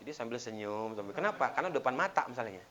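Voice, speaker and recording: A man preaching a sermon as an ustadz, telling stories and acting out the quoted lines with sudden loud bursts. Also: mid-range voice, expressive, very fast, muffled recording.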